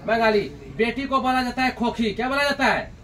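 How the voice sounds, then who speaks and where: A man's voice: extremely high pitch, fairly even intonation, brisk, a bit bright, recorded from a distance. A man teaching a textbook story. He keeps asking the class questions and then answering them himself, and he acts out bits of the dialogue. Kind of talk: explaining a Hindi textbook story to students.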